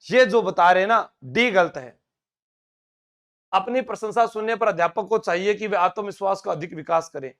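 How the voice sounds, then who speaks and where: A man's voice: high-pitched, a bit bright. A man with a Rajasthani Bagri accent teaching a live online exam-prep class. He talks in a chatty, coaxing way and slips into local dialect words.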